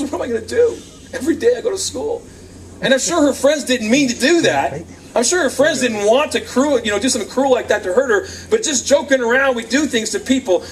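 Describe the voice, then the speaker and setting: A man giving a lively youth sermon, acting out quotes and laughing often, recorded on a camcorder from across the room. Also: very high voice, slight background noise. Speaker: youth speaker. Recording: distant camcorder sound, faint crowd.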